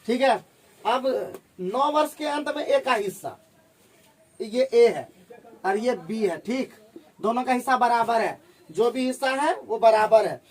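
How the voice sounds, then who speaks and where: A man teaching a maths class, firing questions at his students and working sums out loud. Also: very high-pitched, lively intonation. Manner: drills students with rapid questions while calculating aloud. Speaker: maths tutor.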